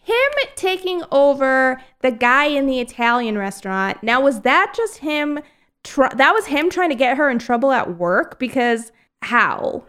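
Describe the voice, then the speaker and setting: A woman co-hosting a casual movie podcast, giggly and teasing, quick to laugh. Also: high voice, animated, fairly bright tone, clean tone. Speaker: podcast co-host.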